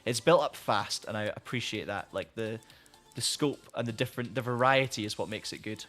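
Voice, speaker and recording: A man's voice: lowish voice, brisk, fairly bright tone, faint music behind. A man chatting casually on a live stream, rambling and restarting sentences as he reads out viewer comments, saying he is losing his voice. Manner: rambling, friendly, many restarts.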